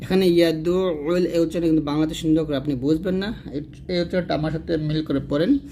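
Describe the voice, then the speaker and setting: A man teaching Quran reading, spelling out each syllable and then chanting the verse slowly. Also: on the high side, fairly even intonation, mellow, slight background noise. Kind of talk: spelling out recitation lesson.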